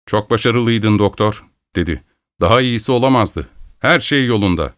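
A man's voice: on the low side, animated, normal speed, fairly bright tone, dry recording, studio quality. A man voicing a shrewd male detective who reasons aloud confidently in an audiobook. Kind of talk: audiobook character voice.

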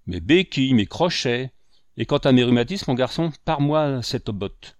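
A man's voice: medium pitch, animated, normal speed, darkish tone, no echo, lightly acted. A man voicing a boisterous old frontier hunter in an audiobook, hearty and boastful. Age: older. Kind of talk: audiobook character voice.

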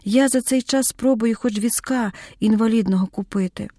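Woman reading tired grieving young girl, soft n subdued, dry close audiobook. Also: a little high, moderate pace, dry recording, close to an everyday voice. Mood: weary.

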